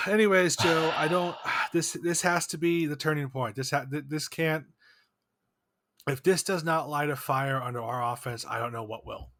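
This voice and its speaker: A man's voice: on the high side, fairly even intonation, moderate pace, bright, forceful tone, no room sound, clean studio sound. A man co-hosting a casual podcast, venting with sighs, restarts and trailing thoughts. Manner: exasperated, rambling with restarts and sighs. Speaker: podcast co-host. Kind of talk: casual chat.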